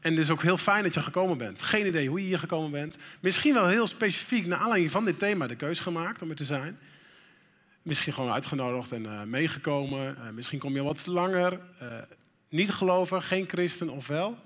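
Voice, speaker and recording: Candid pastor in a reverberant church. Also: male voice, fairly high pitch, a little fast, fairly bright tone. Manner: candid, conversational, with frequent fillers and laughs. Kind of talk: sermon. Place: church hall.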